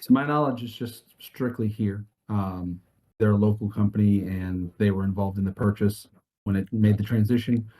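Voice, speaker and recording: Thirty-something man with a dark, mellow voice. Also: lowish voice, normal speed. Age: 30s. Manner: easygoing, hesitant with ums. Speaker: golf club general manager, guest. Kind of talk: casual podcast interview.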